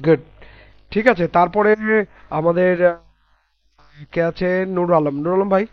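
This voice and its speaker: A man teaching Quran letter pronunciation in a class, patiently spelling out sounds slowly and repeating them. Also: high-pitched, steady tone, no echo, highs cut off.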